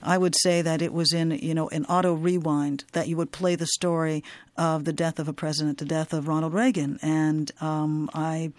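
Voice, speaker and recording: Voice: medium pitch, flat delivery, moderate pace, no room sound. Rambling, informal late-night radio host. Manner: hesitant, digressive, informal.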